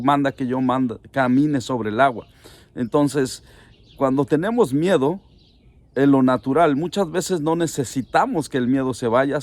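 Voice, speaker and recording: A man's voice: mid-range voice, a little mellow. A middle-aged man, a pastor preaching a sermon in an earnest, pleading way, speaking straight to the listener.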